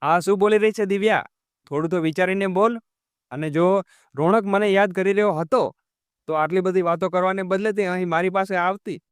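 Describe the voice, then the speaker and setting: A devoted grown son who speaks calmly and patiently , voiced by a man reading the story. His voice is fairly high for a man, smooth and clear, and recorded dry and close. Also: a little fast, no room sound, lightly acted. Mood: calm rebuke. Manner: gentle, patient.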